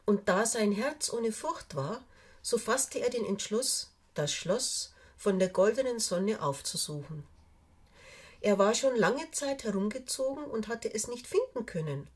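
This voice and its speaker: A woman reading a fairy tale aloud in a slow, expressive storybook manner. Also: fairly high pitch, slightly rough.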